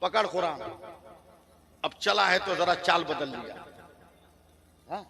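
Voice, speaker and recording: A man's voice: high voice, lively intonation, measured pace, vocal fry. A man preaching a dramatic story on a stage microphone and urging the crowd to answer back. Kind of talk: sermon storytelling at a religious gathering. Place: crowded religious conference stage. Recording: live crowd around a loudspeaker.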